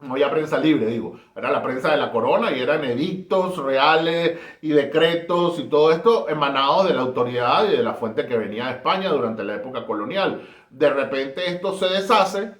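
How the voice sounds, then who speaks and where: Emphatic Colombian man in an echoey room. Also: on the high side. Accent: Colombian Spanish. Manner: emphatic, repeats phrases for effect. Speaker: history commentator. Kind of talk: casual spoken history talk.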